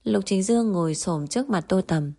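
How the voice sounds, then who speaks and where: A woman narrates a romance novel at an even, steady storytelling pace. Her voice is warm, dark-toned and mellow, and her reading holds one calm tone throughout. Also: mid-range voice, a little fast. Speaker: audiobook narrator. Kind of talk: scripted narration.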